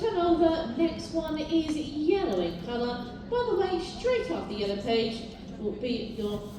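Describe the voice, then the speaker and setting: A British woman working as a bingo caller, announcing numbers live in a sing-song, formulaic way with measured repetition. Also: sits high. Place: large echoing indoor bingo hall. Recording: very echoey hall, distant, noisy.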